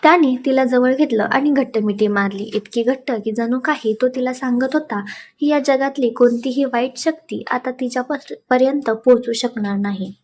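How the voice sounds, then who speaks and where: A woman's voice: sits high, normal speed, darkish tone. A woman narrating a romantic audio story in a dramatic, emotive way.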